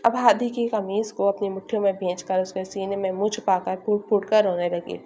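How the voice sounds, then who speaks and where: Woman storyteller, steady expressive novel narration, middle pitch, muffled lo-fi sound, faint hiss. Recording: slightly muffled lo-fi recording.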